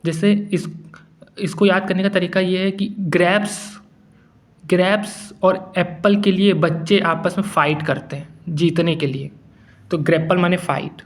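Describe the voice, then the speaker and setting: A man teaching English vocabulary in a relaxed, conversational way, mixing English words into his Hindi. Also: high-pitched, unhurried. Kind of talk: casual explanatory lesson.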